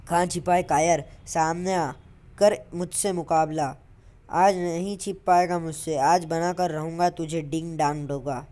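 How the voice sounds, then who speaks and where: A woman voicing a brash, bossy young male superhero in a comic voice-over dub, exasperated and quick to lecture. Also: fairly low pitch, a little mellow, natural voice. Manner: exasperated, lecturing, hot-tempered.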